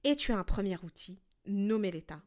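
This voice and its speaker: A woman hosting a relationship podcast, talking calmly and directly to the listener as a coach in a scripted monologue. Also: mid-range voice, fairly quick.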